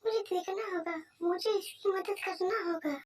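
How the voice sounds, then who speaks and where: Kind cartoon spirit mother voiced by a woman, very high voice, earnest, protective. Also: moderate pace, darkish tone. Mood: stern. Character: kind female spirit, a lost boy's mother. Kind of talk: cartoon voice acting.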